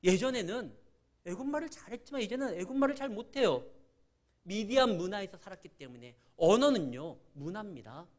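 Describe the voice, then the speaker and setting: A middle-aged man preaches a sermon with a Chungcheong Korean accent. His voice sits high and leaps up and down as he acts out the people in his stories. He tells them with animated, conversational energy. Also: fairly quick. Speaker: pastor.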